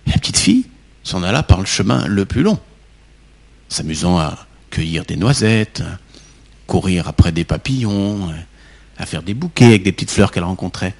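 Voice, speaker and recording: Husky low-voiced male teacher. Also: very animated, normal speed, a little mellow. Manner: unpolished read-aloud, with repeated words. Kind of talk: reading aloud and explaining a tale.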